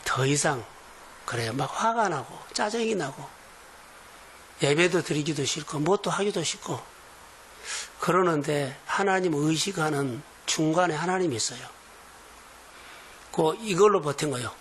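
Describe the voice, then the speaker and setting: A man preaching to his church in a fairly high voice, leaning on slow, emphatic phrases. He speaks as a pastor to his congregation. A faint hiss of room noise sits behind him. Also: animated, fairly bright tone. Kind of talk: sermon. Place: church sanctuary.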